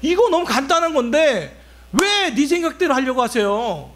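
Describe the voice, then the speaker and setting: A man's voice: extremely high pitch, sing-song, normal speed, a bit bright, slight background noise. A male pastor preaching a sermon, asking the congregation rhetorical questions as he explains the text.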